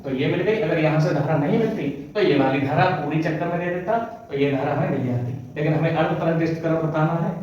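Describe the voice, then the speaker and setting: Male teacher, slightly raised pitch, dictating exam answers slowly, recorded distant and muffled in a bare room. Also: a little mellow, a little hiss or hum. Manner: explains step by step, asks and answers own questions; slows to dictate notes. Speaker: physics teacher. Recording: echoey room from far off, dull sound.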